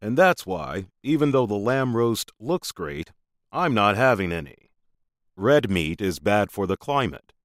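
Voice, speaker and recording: A man's voice: fairly low pitch, very animated, measured pace, no room sound, studio quality. A man playing an opinionated middle-aged uncle in a scripted lesson dialogue, talking in an earnest, lecturing way.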